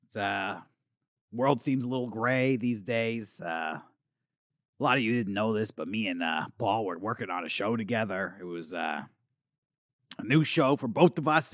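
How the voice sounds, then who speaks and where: A man's voice: fairly low pitch, dry recording, studio quality. A man voicing a washed-up male alien star from the eighties who rambles and slurs, swinging between boasting and muttering, in a comedic monologue. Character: washed-up male 80s alien puppet star, boozy and bitter. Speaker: talk show host character.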